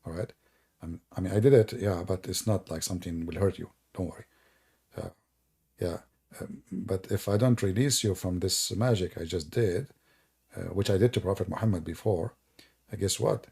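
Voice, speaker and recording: A Middle Eastern man who speaks Arabic natively hosts a live stream, offering sarcastic, teasing, mocking commentary in an Arabic accent. His voice is low, creaky and mellow with a breathy edge, and he keeps a moderate pace.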